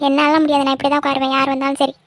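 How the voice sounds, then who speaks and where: A woman's voice: sits high, monotone, very fast, no echo, studio quality, close to an everyday voice. A woman voicing a cheeky teenage schoolgirl who answers back to her mother in a cartoon. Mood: defiant.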